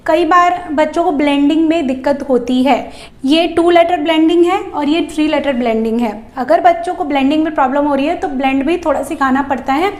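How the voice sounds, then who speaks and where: High-voiced woman teaching phonics, echoey room. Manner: explains in Hindi mixed with English, sounds out letters slowly. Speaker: English teacher. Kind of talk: phonics lesson for parents.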